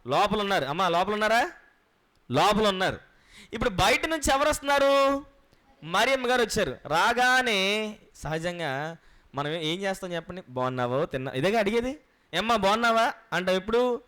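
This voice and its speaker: Brief: high-pitched male preacher teaching scripture, quizzing his congregation, patient and repetitive. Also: big pitch swings, pushed and bright. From Andhra Pradesh, India. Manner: asks the listeners questions and answers them himself; explains word meanings slowly and repeats key points. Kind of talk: Bible teaching sermon.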